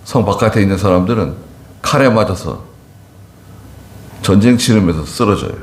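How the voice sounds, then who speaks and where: A man with a fairly low voice delivers an expository sermon in a church sanctuary. He reads scripture and then unpacks it slowly, turning to ask the congregation questions. The room gives his voice a noticeable echo. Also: expressive. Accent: Gyeongsang-Chungcheong border dialect roots. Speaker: pastor.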